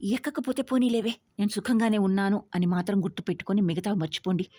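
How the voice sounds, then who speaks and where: A woman voicing a cocky young man on the run, brash and teasing, with a husky voice. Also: mid-range voice, steady tone, quick pace, warm tone, no echo, natural voice. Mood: cocky, hushed.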